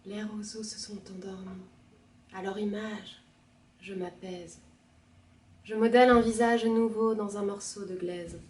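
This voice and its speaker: A woman librarian reading a poem aloud in a measured, soft expressive manner. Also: mid-range voice, recorded from a distance, slight background noise. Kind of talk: poetry reading. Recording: roomy, from the mic.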